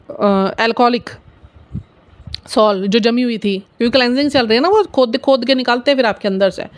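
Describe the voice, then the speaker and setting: A middle-aged woman with a fairly high voice shares devotional stories with her viewers. She talks earnestly and keeps dropping English words into her Hindi. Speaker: spiritual storyteller.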